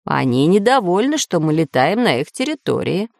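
A woman voicing an excitable male professor of geography who explains things in a lecturing tone. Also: fairly low pitch, moderate pace, gravelly, no room sound, studio quality.

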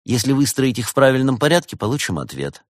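A man voicing a clever male fox detective in a storybook reading, teasing and measured as he explains. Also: mid-range voice, very animated, no room sound, clean studio sound, voice pushed up, close to an everyday voice. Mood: playful.

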